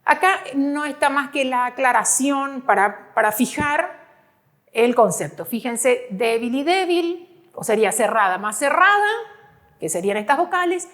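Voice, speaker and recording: A woman's voice: high voice, animated, unhurried. A woman teacher presents a grammar lesson over slides, patiently repeating points and checking understanding with short hums. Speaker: school teacher.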